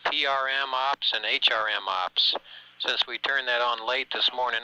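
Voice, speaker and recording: A man's voice: medium pitch, pushed and bright, rough recording. A man speaking as a mission control communicator over radio, using clipped, procedural phrasing. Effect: radio transmission.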